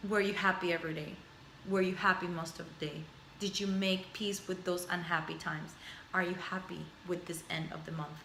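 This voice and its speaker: Her voice low-leaning and flat with vocal fry and a fairly bright tone, a Spanish-native vlogger in her thirties speaks at a moderate pace in a reflective home video journal, rambling through lists and repeating phrases. The camera-mic recording is low quality, echoey, and carries a little hiss or hum.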